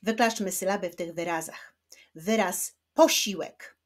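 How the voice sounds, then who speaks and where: A woman teacher giving a children's reading lesson, slowly clapping out words syllable by syllable. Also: lowish voice. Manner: slow, clapping out syllables one by one.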